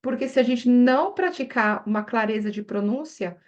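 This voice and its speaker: A woman teaching English pronunciation to Portuguese speakers. She models each number slowly, exaggerates her mouth movements and keeps checking in with the learner. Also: a little high, highs cut off. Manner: models words one by one, asking learners "né?". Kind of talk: pronunciation lesson.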